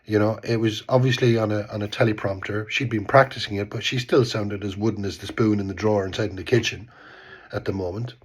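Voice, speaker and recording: Speaking quickly in a steady tone, this Irish man in his fifties has a voice on the low side and slightly rough, stuffed up as he is with a cold. He's a vlogger at home in Bristol, offering rambling, casual takes on politics, repeating himself and tailing off with "type thing."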